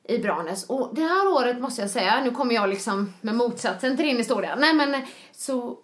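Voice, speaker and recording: A woman co-hosting a podcast in casual chat, relaxed and chatty, acting out quotes now and then. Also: a little high. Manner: relaxed chatty, fillers like typ and liksom, acts out quotes. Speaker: podcast co-host.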